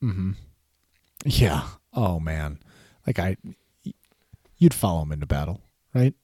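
A man's voice: low voice, expressive, a little slow, warm tone, no room sound. A man co-hosting a podcast in casual football chat, laid-back, with lots of agreeing interjections and dry jokes. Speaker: podcast co-host.

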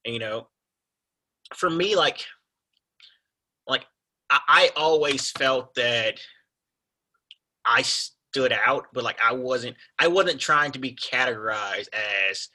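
A young man with a raspy voice, telling his story as a podcast guest in a laid-back, rambling way. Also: mid-range voice, lively intonation, slow pace, pauses often, pushed and bright. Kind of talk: casual conversation.

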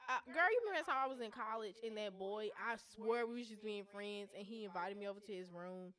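A woman's voice: medium pitch, quick pace, fairly bright tone. Candid young woman co-host, casual. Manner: candid, profane storytelling with lots of fillers. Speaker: podcast co-host. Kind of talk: casual chat.

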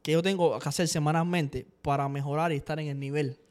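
A man chatting casually on a podcast, talking quickly and dropping English words into his Spanish. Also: on the high side. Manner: fast, energetic talk sprinkled with English words. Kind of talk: casual chat.

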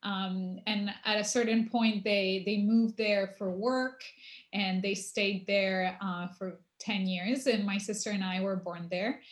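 A young woman who grew up in Argentina, a musician answering interview questions in an unhurried way with many pauses. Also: mid-range voice, steady tone. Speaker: guest musician. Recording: roomy echo.

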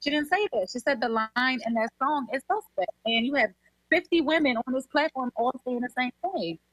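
A woman's voice: sits high, brisk, fairly bright tone, no room sound, poor audio. A woman calling into a podcast through a phone app. She is blunt and speaks her mind firmly in casual chat. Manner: blunt, talks things down firmly. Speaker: call-in guest. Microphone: phone app call.

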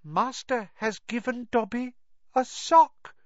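A reader voicing a shrill, excitable male house elf who speaks of himself in the third person, in a storybook reading. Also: slow, no echo, natural voice. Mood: shrill excited. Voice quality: shrill, squeaky. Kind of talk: audiobook character voice. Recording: dry, slightly dull lo-fi.

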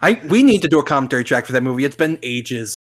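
A young man co-hosting a casual movie commentary, excitable, laughing often and swearing. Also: mid-range voice, quick pace. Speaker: podcast co-host.

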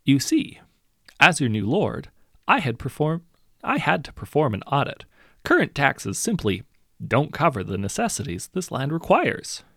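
A man's voice: fairly high pitch, huge pitch swings, measured pace, fairly bright tone, no echo, clean studio sound, pitched above the performer's own voice, full character voice. A man voicing a greedy hero turned lord who makes hollow, falsely sympathetic threats in a storybook. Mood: falsely polite.

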